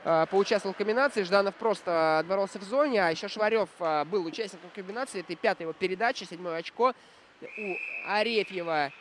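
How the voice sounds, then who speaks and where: A man commentating live on ice hockey, reflective and analytical, often pausing mid-sentence to find his words. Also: sits high, fairly bright tone, slight background noise.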